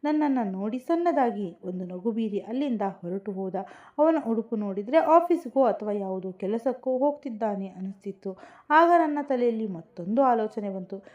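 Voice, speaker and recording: A woman narrating a suspense story in the first person, with a steady, dramatic reading. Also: a little high, moderate pace. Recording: muffled lo-fi recording.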